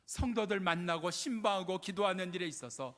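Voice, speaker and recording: A man's voice: sits high, brisk, a bit bright. An older man preaching as a pastor, firing off rhetorical questions with swelling and dropping emphasis, in a church sanctuary. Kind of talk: sermon. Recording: long hall reverb in a church.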